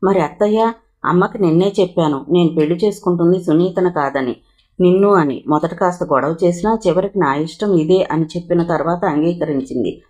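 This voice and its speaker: A woman reading a novel aloud, voicing an earnest young man who pleads calmly and tenderly in a low, steady tone. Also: a little fast, dull audio, close to an everyday voice. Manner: calm, low-voiced pleading.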